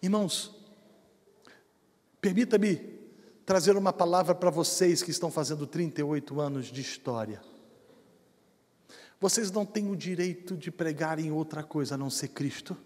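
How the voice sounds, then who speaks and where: Guy pastor preaching, goes soft then shouts it out, big echoey church sound. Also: a little high, moderate pace, long pauses. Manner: impassioned preaching, swinging from hushed to shouted. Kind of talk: sermon. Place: church sanctuary. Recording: long hall reverb in a church.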